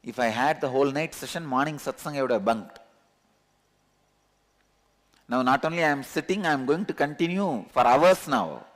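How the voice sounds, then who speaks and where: A man with a Tamil accent, medium in pitch, expressive and fairly quick, gives a spiritual discourse as a teacher. Earnest, he repeats key words to stress them, and the large satsang hall adds a long reverb.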